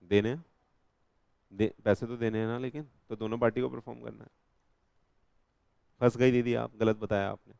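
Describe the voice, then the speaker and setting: A man's voice: mid-range voice, fairly even intonation, moderate pace, vocal fry, pauses often, darkish tone, smooth, no echo. A young man with an Indian accent teaching a law revision class, constantly quizzing students and joking with them, mixing Hindi with English legal terms. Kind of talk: live classroom revision lecture.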